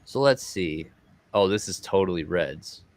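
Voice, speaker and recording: A man commentating a live online card game tournament in a casual, excitable way, often exclaiming. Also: deep voice, unhurried. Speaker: esports commentator.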